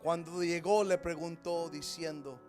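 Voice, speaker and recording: A male pastor preaching a sermon, moving from hushed asides to fervent shouting. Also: on the high side, fairly even intonation, unhurried, soft background music. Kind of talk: Spanish-language sermon. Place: church service.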